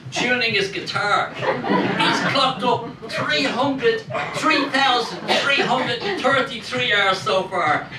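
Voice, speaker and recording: A performer playing a weary, long-suffering ghost who grumbles hammily in a comic amateur pantomime. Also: mid-range voice. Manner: complaining, long-suffering, hammy. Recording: roomy echoing live hall, distant mic, noisy.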